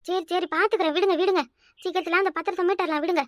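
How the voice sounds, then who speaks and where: A woman voicing a calm elder daughter-in-law in a cartoon, speaking with a Kanyakumari Tamil accent in a soothing, teasing manner. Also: very high-pitched, racing, dry recording, clean studio sound. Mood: reassuring. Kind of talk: cartoon voice acting.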